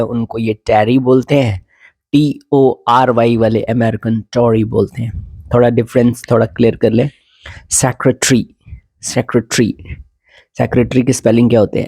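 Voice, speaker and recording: A man with an Indian English accent giving a casual video lesson, slow and deliberate in English and repeating example words. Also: mid-range voice, gravelly, warm tone, husky, dry recording. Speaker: English pronunciation teacher. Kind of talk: casual YouTube lesson mixing Hindi and English.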